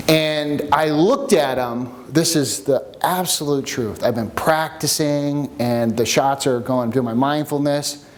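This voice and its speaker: A man coaching a workshop group, teaching with jokes and a personal story in an animated way. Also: medium pitch. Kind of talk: seminar teaching with stories. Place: room with a live audience.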